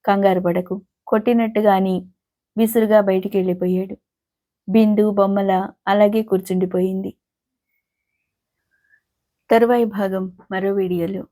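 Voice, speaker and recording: A woman storyteller reading a serialized story aloud in a steady, expressive way. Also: medium pitch, normal speed, pauses often.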